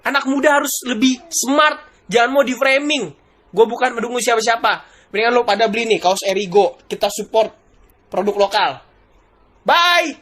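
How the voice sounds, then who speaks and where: A young woman ranting loudly in a commentary vlog, exasperated. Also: fairly high pitch, normal speed.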